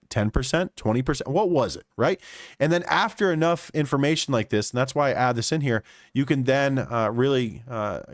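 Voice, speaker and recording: A man's voice: medium pitch, no room sound. Male streamer, live chart commentary, punchy repeated phrases, dry close-mic sound. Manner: animated, repeats phrases for emphasis. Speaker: day trading streamer.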